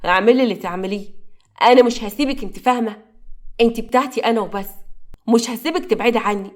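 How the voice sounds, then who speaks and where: A woman's voice: medium pitch, fast talker, natural voice. A woman with an Egyptian accent voicing a possessive ex-husband who pleads and threatens in a spoken story. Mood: menacing. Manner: pleading, menacing.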